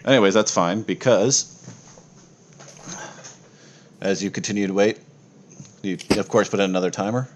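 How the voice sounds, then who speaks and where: Through a noisy home voice-chat recording on an online call, a lowish-voiced man narrates a tabletop game as game master. He speaks at normal speed with long pauses, in casual talk peppered with swearing.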